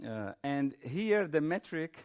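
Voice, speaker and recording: A man's voice: a little high, very animated, slow, darkish tone. A man giving a technical conference presentation in an informal, explanatory manner.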